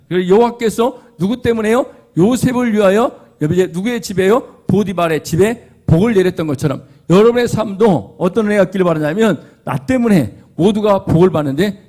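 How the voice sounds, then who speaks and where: A pastor delivers a fervent sermon in a fairly high voice. He keeps asking his congregation questions and answering them himself, then closes each point with an earnest blessing. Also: a little mellow.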